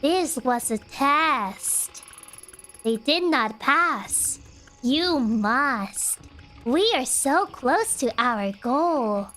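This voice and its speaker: A woman voicing a creepy calm, unsettlingly serene cultist mother, reading game dialogue aloud with slow menace. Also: high-pitched, soft background music, pitched below the performer's own voice, exaggerated voice. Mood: soothing menace.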